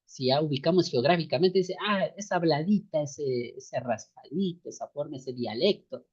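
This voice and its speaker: A man from the highlands teaches an online seminary class, speaking slowly and repeating his key points. He keeps asking the class rhetorical questions. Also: husky. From Ecuadorian highlands. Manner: slow, repetitive, rhetorical questions tagged with "no". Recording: dull lo-fi sound.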